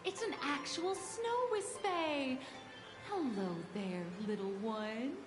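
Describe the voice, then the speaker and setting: A woman voicing a wry, expressive young woman who is a comic artist, in game audio with music behind. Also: sits high, slow, reverberant.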